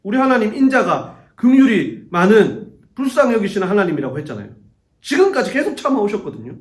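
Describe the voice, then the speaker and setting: A middle-aged male youth pastor preaching a sermon to teenagers in a church, telling the story with animated storytelling. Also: high voice, fast talker. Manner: animated storytelling, acts out quoted voices. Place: church sanctuary. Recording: echoey church room.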